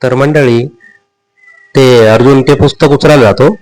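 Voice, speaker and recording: A man's voice: medium pitch, steady tone, normal speed, a little mellow, low-quality recording. A man retelling a television serial episode in a casual, folksy storytelling manner, addressing his listeners directly. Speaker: serial recap narrator. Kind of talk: casual story recap narration.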